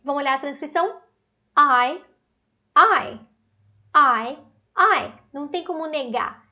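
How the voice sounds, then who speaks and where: A Brazilian woman with a high, bright voice teaches English pronunciation to an online audience. She is animated and keeps putting questions to her viewers. She breaks off often to say example words aloud. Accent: Brazilian Portuguese.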